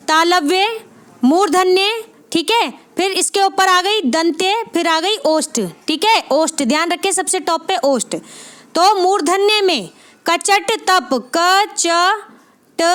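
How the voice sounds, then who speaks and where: A woman with a very high voice teaches an exam-prep lesson. She is encouraging and keeps checking in with her listeners after almost every phrase. When she goes through sounds, she spells them out slowly, one at a time. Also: fairly bright tone. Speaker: Hindi literature exam tutor.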